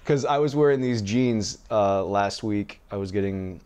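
Casual podcast host, man, lowish voice, jokey storyteller who laughs a lot. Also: unhurried, a little mellow, clean tone. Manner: joking, storytelling, laughs often. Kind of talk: casual chat.

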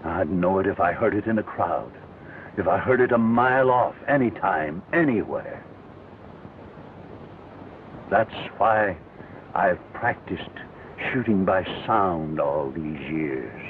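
Slow, low-voiced old Western man. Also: lively intonation, exaggerated voice. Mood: grim. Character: old blind Western marksman, fatherly, grimly resolved. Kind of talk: 1930s film western acting. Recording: tinny noisy 1930s film soundtrack.

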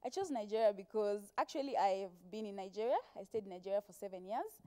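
Here the actress talks fast in a warm, mid-range voice. In her twenties and Kenyan-accented, she sits on a TV studio sofa as an interview guest, casually sharing stories with quoted speech, recorded on a lapel mic.

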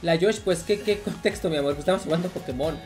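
A woman's voice: on the low side, fast, darkish tone, faint music behind. A woman with a Mexican accent giving casual, profane commentary while playing a video game, repeating herself as she rants. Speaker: gaming streamer.

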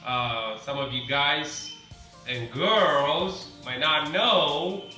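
Soft music plays behind a Romanian man with a fairly high, bright, forceful voice who draws out his words. He's a car-building vlogger musing casually with lots of fillers, filmed from a distance by a ladder-mounted camera in a large, echoey home garage.

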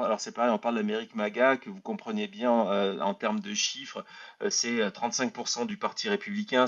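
A man hosting a live political talk show, explaining in a halting way and often repeating words. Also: fairly low pitch. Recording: slightly dull, lo-fi audio.

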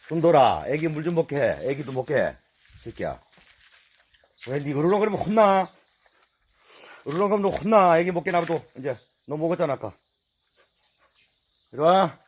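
A man casually talking to his dogs and the camera, loudly coaxing and scolding them outdoors. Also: a little high, sing-song, normal speed, pauses often, breathy edge. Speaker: channel host living in nature. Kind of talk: casual talk to dogs and viewers.

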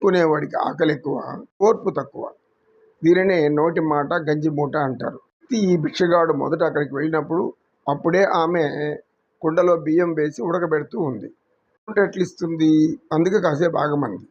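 A man with a Telugu accent, a yoga teacher telling a moral story in an unhurried, preachy way. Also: fairly high pitch, dull audio, slight background noise.

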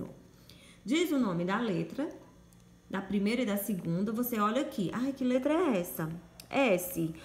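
A Brazilian woman with a fairly high, very lively voice walks small children through sounding out syllables. She coaxes and draws out each letter sound like a patient primary teacher. The recording carries a clear echo from a bare room at home. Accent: Brazilian Portuguese. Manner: sing-song, coaxing teacher voice with drawn-out letter sounds. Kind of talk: recorded phonics lesson for children. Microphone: phone or home camera, voice only.

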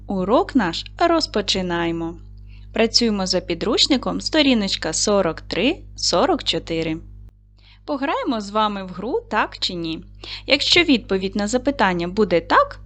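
Patient woman teaching young children. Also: mid-range voice. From Ukraine. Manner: clear, patient, encouraging classroom delivery. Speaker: primary school teacher. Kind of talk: video lesson for second graders.

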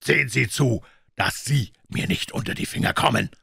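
A male reader voicing a huge, brutish older country doctor who shouts insults and threats in a raised voice. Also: sits low, moderate pace, vocal fry, breathy edge, no echo, clean studio sound, exaggerated voice. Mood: threatening. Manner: shouting, insolent and menacing.

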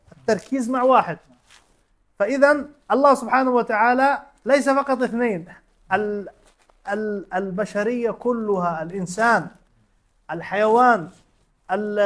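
Teaching a religion class, a man with an extremely high, fairly bright voice explains things step by step using everyday examples. He quizzes his students with short questions throughout the classroom lesson.

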